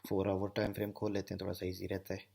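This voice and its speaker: Gravelly low-voiced man teaching trading. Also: completely flat delivery, racing, noisy background. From Pakistan. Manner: explanatory, repeats "theek hai" often. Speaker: trading instructor. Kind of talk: screen-share trading lesson.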